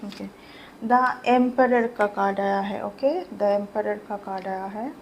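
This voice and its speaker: A woman's voice: medium pitch, a little slow, darkish tone, slight background noise, rough recording. A woman giving a casual tarot reading to her viewers, chatty and repeating her phrases, mixing English words into Hindi. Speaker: tarot reader.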